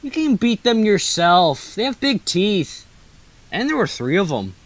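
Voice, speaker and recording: A teenage boy playing a jittery baker's helper who is afraid of mice, with excitable outbursts, in a school radio play. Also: sits high, measured pace, no echo, full character voice. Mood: warning. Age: teens. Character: jittery young baker's helper, mouse-fearing.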